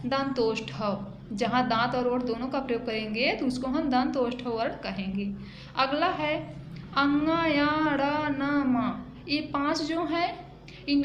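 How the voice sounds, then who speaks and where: A high-pitched woman with an eastern Uttar Pradesh accent teaches grammar to schoolchildren, going slowly and checking that they follow. The room rings with echo and there is a faint hiss behind her. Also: a bit bright. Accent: eastern Uttar Pradesh Hindi. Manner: slow, explaining, repeats and asks "है ना". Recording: echoey room with faint noise.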